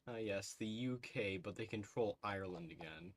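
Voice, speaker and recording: A man's voice: on the low side, normal speed. A man streaming live over a headset mic, thinking aloud and reacting to a game with frequent "ooh"s and little laughs as he talks to his chat. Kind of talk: live gameplay commentary, talking to chat.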